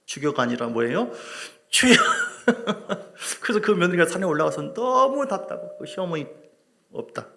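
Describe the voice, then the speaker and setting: A middle-aged man preaching a sermon as a pastor in a church, lively and joking with his congregation. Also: sits high, normal speed, gravelly. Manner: animated preaching with humor, asides to the congregation. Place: church sanctuary.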